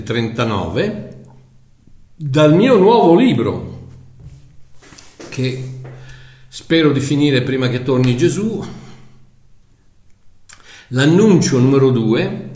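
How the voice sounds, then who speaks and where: A man's voice: a little high, a little mellow, roomy sound. A man preaching a sermon in a conversational way, often repeating words as he searches for them.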